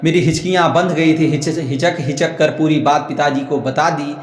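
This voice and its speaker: A man with a Bihari Hindi accent, teaching a literature lesson. He reads passages from the text and then explains them to his students, checking that they follow. His voice sits a little high and carries a lot of room echo with a long reverb tail. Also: steady tone, normal speed.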